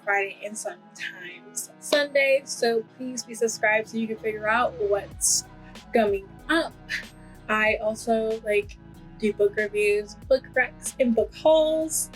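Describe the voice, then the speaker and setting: Woman talking books on her channel, kinda breathy, unhurried but gushy, says um and like a lot. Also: fairly high pitch, low-quality recording. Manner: chatty, gushing, many fillers like "um" and "like". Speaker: book reviewer and channel host. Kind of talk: casual book review chat.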